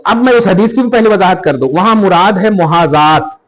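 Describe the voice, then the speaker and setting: An Islamic scholar teaches prayer step by step in a podcast conversation, his high, expressive voice brisk and fairly bright. He's emphatic and keeps checking that the listener understands, though the recording is rough.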